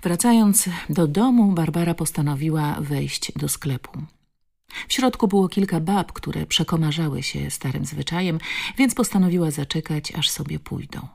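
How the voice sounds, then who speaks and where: Low, creaky-voiced woman narrator. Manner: measured storytelling delivery. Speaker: audiobook narrator. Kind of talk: audiobook narration.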